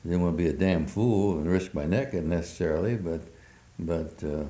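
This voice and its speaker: Very deep-voiced old man, halting. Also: dark tone. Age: older. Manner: halting, with many fillers. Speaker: interviewee. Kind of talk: oral history recollection. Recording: roomy echo.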